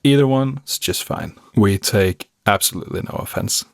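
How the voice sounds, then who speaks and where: A man with a Norwegian accent, the band's singer and songwriter, talking through its story in an interview in a relaxed way. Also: on the low side, moderate pace, vocal fry. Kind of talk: recorded interview conversation.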